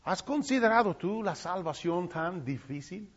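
A man with a very high voice preaches a sermon at a slow, weighty pace. His delivery swings between loud cries and near-whispers. The recording sounds muffled and lo-fi. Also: expressive. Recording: dull lo-fi recording.

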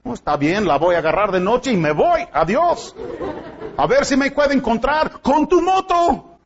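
A man's voice: very high voice, expressive, a little slow, a faint crowd, heavily acted. A man preacher voicing a defiant young male biker boyfriend who taunts the girl's father, on a dull lo-fi recording. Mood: taunting.

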